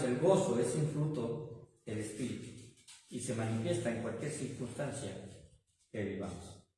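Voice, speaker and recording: Brief: Mexican man, pastor, mid-pitched, preaching and praying, recorded far off the mic in a big echoing hall. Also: darkish tone, slight background noise. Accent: Mexican Spanish. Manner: addresses the congregation as brothers, with frequent rhetorical questions. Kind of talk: sermon and prayer.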